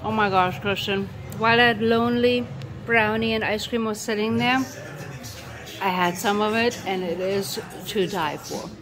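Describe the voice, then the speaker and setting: Over music and the chatter of a crowded pub restaurant, a vlogging mum records her family on her phone. Her mid-range voice keeps a measured pace as she enthuses about everything she sees in casual narration.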